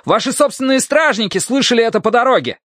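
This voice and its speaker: A man voicing an angry male army archer who shouts his accusations in defiance. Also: very high-pitched, animated, fast talker, dry recording, clean studio sound, voice pushed up. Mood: shouting.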